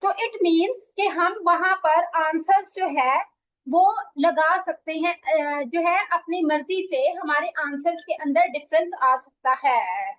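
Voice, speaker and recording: A woman's voice: very high voice, fairly bright tone, poor audio. A woman teaching an English grammar lesson, explaining in Hindi mixed with English and asking and answering her own questions. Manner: reads English example sentences very slowly; addresses listeners as children and dear students.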